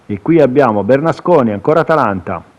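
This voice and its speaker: An Italian man commentating on football video game highlights in a casual, improvised way, chatty and hesitant with lifts into excited play-by-play. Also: a little fast. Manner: chatty, with asides and hesitations, lifting into excited calls on chances.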